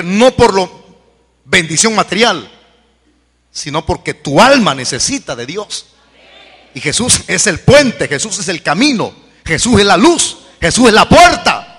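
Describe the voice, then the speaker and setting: A man preaching an evangelical sermon, fervent and repetitive, rising to shouted peaks. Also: high voice, husky, long reverb tail. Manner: fervent, swings to shouted peaks, repeats calls to convert.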